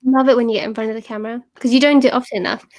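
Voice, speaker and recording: British woman, high voice, playful and giggly, casual live-stream chat. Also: fairly even intonation, racing, darkish tone. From Britain. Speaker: fine art photographer, co-host of live chat.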